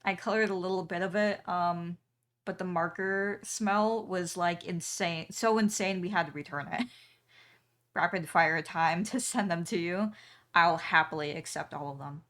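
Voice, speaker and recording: Slow, low-voiced woman chatting on stream. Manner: relaxed, chatty, reads chat aloud, frequent ums and small laughs. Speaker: streamer and artist. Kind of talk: casual chat while drawing on stream.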